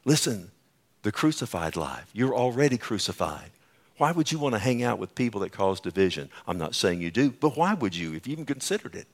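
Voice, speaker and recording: A pastor preaching a sermon at a pulpit microphone in a church, emphatic, putting questions to the congregation. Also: male voice, lowish voice, sing-song, a little fast.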